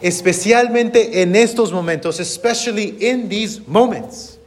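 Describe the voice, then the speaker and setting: A man preaching a sermon and translating himself line by line, earnest, with lively rises on key words. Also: high-pitched, slow. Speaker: pastor.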